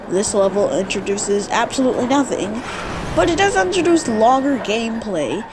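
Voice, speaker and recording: A woman's voice: on the high side, background noise. Chatty woman narrating gameplay. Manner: chatty, animated, self-correcting. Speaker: gaming video host. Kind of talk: gameplay commentary. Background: game sound effects.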